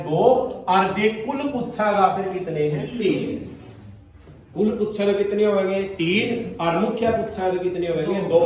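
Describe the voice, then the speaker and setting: Male teacher, high pitch, drills the class with repeated questions; booming room echo. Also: a little mellow. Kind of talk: classroom grammar lesson. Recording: echoey classroom, from far off.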